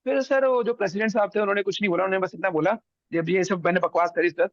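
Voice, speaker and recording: High-voiced young man telling a story. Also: very fast, no room sound, muffled recording. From India. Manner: animated, acts out others' lines. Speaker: interview guest. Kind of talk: casual storytelling.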